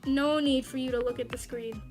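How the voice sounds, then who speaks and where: A woman's voice: high voice, fairly even intonation, normal speed, a little mellow, faint music behind. A woman streamer telling a rambling, self-mocking story while she plays a game, with sudden cries of frustration. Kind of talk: casual storytelling while gaming.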